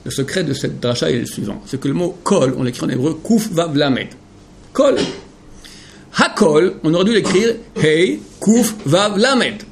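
Impassioned high-voiced man teaching Torah. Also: expressive, unhurried, vocal fry, slight background noise. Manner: emphatic, rhetorical questions, swings from hushed to impassioned. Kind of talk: Torah lecture to a male audience.

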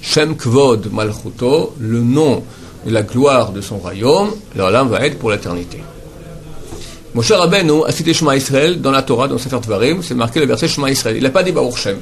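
Guy giving a prayer lesson, mid pitch, repeats words slow and careful. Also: lively intonation, vocal fry. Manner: patient, repeats Hebrew words slowly to model pronunciation. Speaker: Torah teacher.

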